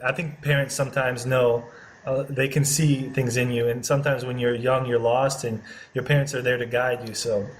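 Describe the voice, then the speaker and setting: Friendly male interviewer, mid-pitched, laughs often, slight background hiss. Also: little pitch movement, moderate pace. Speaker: interview host, translation company president. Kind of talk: casual interview.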